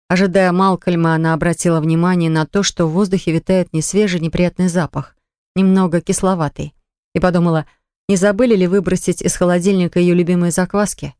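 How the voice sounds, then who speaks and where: A woman narrating an audiobook in an even, measured reading. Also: lowish voice, clear, resonant tone, no room sound, clean studio sound. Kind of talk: scripted narration.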